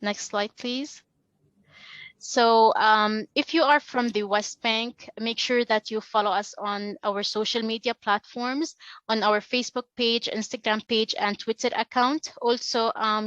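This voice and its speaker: A woman's voice: fairly high pitch, no echo. Sex: woman. Role: webinar advisor. Sound: dull, dry. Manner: steady, with frequent fillers. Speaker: education advisor. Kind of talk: webinar presentation. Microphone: video call.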